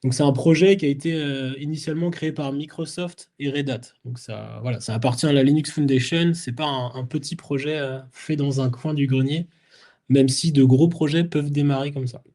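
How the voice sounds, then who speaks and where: A man's voice: on the high side, fairly quick, mellow. A man from France giving a technical conference talk, explaining step by step with frequent fillers and restarts. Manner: explanatory, many fillers and restarts, plays out imagined inner voices. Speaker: conference speaker.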